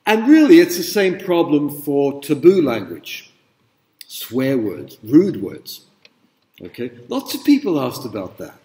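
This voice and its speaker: A middle-aged man lecturing in a large hall, his voice booming with long reverb. He talks casually and asks the students questions, using lots of fillers, in a mellow, somewhat high tone. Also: big pitch swings, a little slow. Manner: conversational, rhetorical questions, many fillers. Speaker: university lecturer. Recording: echoey hall, speaker away from mic.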